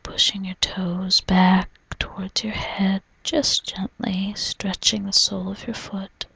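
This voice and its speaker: Slow, breathy woman in a whispered role-play. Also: medium pitch, flat delivery, no room sound. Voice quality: breathy, mostly unvoiced whisper. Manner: soft spa whisper, gentle, soothing, unhurried. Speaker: reflexologist giving a foot massage.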